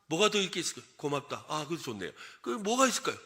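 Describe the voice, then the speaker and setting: A man preaching a sermon as senior pastor, lively and animated, asking the congregation questions and acting out complaining voices. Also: a little high, fast.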